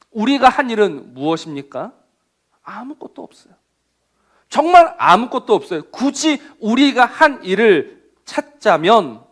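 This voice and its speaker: A male pastor preaching with a high, very expressive voice that climbs and falls over a wide range. He swings from ringing emphasis to hushed, almost whispered lines. He poses rhetorical questions and stretches out key words. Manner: dramatic, swings from loud to near-whisper. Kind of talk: sermon.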